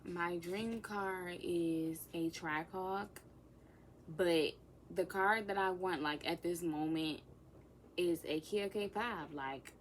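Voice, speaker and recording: A woman's voice: lowish voice, takes it slowly, a little hiss or hum. A woman of twenty chatting casually in a Q&A vlog, sassy and playful, with whispered asides. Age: 20s. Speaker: vlogger. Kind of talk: casual get-to-know-me Q&A.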